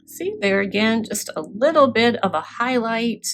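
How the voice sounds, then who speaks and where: A woman's voice: on the high side, sing-song, measured pace, noisy background. A woman instructor demonstrating scrapbook crafting step by step, explaining as she works with occasional fillers.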